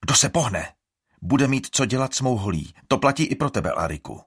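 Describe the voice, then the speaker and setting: A man's voice: mid-range voice, very animated, a bit bright, slightly rough, no echo, clean studio sound, pitched above the performer's own voice, exaggerated voice. A man voicing a stern, threatening old village herb woman in an audiobook.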